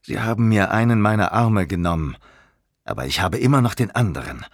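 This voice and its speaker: A man's voice: fairly low pitch, lively intonation, brisk, no echo, clean studio sound. A man voicing a sinister one-armed male ex-policeman villain who whines one moment and threatens coldly the next. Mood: menacing. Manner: whining, then cold and menacing.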